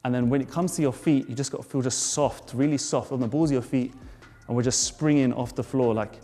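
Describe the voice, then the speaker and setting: A man's voice: medium pitch, fairly quick, warm tone. A man coaching a jump rope move step by step, a bit out of breath, with encouraging cues. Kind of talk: tutorial instruction. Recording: hall reverb, faint music.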